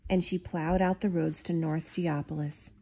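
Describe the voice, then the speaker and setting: A woman reading a picture book aloud, giving the characters lively, expressive voices. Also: low-pitched, normal speed, slight background noise. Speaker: storybook reader.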